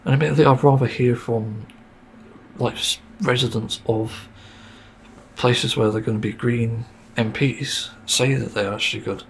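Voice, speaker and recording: A man's voice: mid-range voice, steady tone, unhurried, gravelly, a little hiss or hum. A man hosting a solo podcast, venting in frustration with sighs, swearing and fillers, his throat getting sore. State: sore throat, mint in mouth. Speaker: podcast host.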